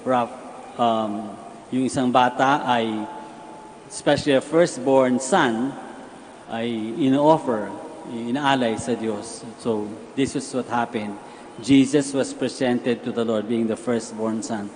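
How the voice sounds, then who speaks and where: A Filipino man, a priest, reading the Gospel and preaching at Mass in a large basilica, with cathedral echo. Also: mid-range voice. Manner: measured liturgical reading, then lively bilingual homily. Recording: long church reverb, faint room noise.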